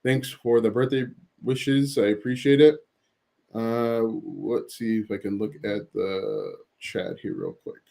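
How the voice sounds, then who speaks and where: A man's voice: lowish voice, fairly even intonation, takes it slowly, creaky, dark tone. A man hosting a casual livestream, reading viewer questions from the chat and answering them with frequent fillers and restarts.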